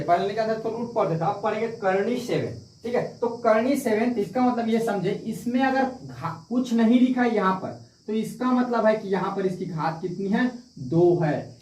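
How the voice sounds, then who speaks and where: A man's voice: high voice, darkish tone. A man teaching a math lesson, asking the class questions and answering them himself, repeating key points. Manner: repetitive, asks and answers own questions. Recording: echoey room, distant mic.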